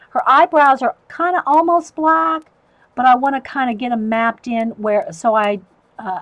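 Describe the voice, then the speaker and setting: A middle-aged woman livestreams her art, chatting casually with viewers as she draws and laughing often. Her voice is medium-pitched, and the audio is poor.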